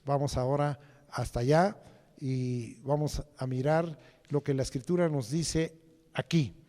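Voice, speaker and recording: A man's voice: mid-range voice, fairly even intonation, unhurried, warm tone, in a large hall. A man preaching a Sunday sermon in church, rhetorical and repetitive, often asking the congregation "right?". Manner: rhetorical, repeats phrases and asks "right?". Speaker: lay preacher. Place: church during Sunday service.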